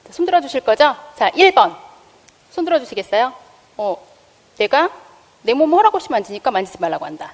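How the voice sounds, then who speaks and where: A woman school health teacher giving a public lecture, drawing in the audience with questions. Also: a little high. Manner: engaging, asks the audience questions. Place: lecture stage before an audience. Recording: long reverb of a lecture hall.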